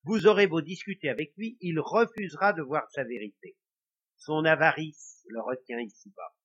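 A man voicing a wise village priest who speaks gravely and slowly. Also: fairly high pitch, a bit bright, voice pushed up. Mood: solemn. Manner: slow, grave, measured. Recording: dull lo-fi recording.

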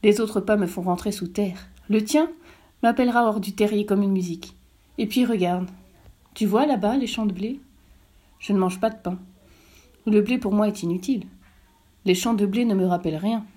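A woman voicing a wise, gentle fox in a storybook reading, calm and measured as it explains. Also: mid-range voice, natural voice. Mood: musing.

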